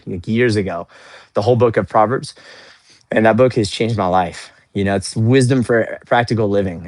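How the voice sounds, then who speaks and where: Earnest low-voiced man livestreaming outdoors. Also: dry recording. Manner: earnest, upbeat, repeats words often. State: cooling off after a workout. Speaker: livestream host. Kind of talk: casual faith-based motivational livestream. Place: outdoors in the snow.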